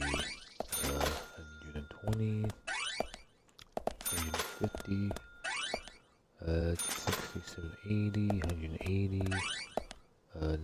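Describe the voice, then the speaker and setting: A deep-voiced man talks through a game in a loose, rambling way, swearing often and trailing off as he mutters to himself. A steady hiss of noise and scattered clicks sit under his voice throughout. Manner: frustrated ranting with frequent swearing. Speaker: let's play gamer. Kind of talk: casual gameplay commentary. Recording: clear background noise with clicks.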